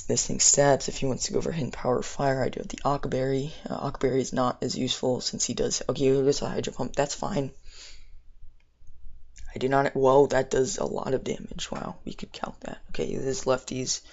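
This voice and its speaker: A young man talks through his game in a loose, slangy ramble. His mid-pitched voice crackles with vocal fry and his speech is slightly impeded. The recording is muffled and lo-fi, with keys clicking as he plays. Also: darkish tone. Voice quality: slightly impeded speech from orthodontic appliance in mouth. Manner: rambling, thinking aloud, slangy. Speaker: gamer narrating own battle. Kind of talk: casual live game commentary.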